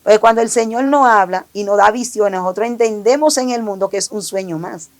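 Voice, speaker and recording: A woman's voice: mid-range voice, a little fast, darkish tone. A woman giving an earnest, emotional personal faith testimony, often repeating her phrases. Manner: earnest, repetitive, emotional retelling. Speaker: testimony giver.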